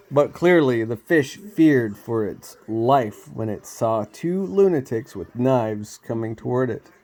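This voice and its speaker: Man slowly reading a storybook aloud. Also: mid-range voice, darkish tone. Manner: unhurried reading with small slips and chuckles.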